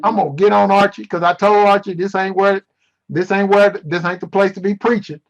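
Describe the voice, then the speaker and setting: A man's voice: high-pitched, fairly even intonation, brisk, gravelly, highs cut off. A man teaching a casual online Bible class over a video call, playful and teasing as he answers the chat.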